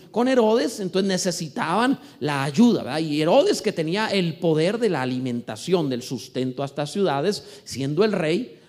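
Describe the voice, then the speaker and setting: Animated, high-voiced preaching man. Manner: animated preaching with swings from shouting to quiet asides; repeats words and restarts often. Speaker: pastor. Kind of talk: sermon.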